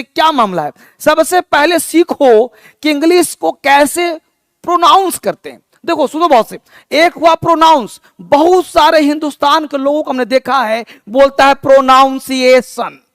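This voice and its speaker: High-pitched man, teaching a live english class, loud and pushy, dry sound. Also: no echo. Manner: energetic, emphatic, repeats words to drill pronunciation.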